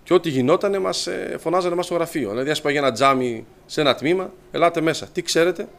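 A man telling his personal testimony to a congregation, lively and storytelling, acting out what others said. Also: a little high, vocal fry. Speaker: church member giving testimony.

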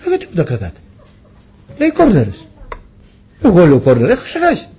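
A man's voice: high-pitched, huge pitch swings, dark tone, husky, dull audio. A man preaching a sermon to his congregation, telling a personal story with rhetorical questions.

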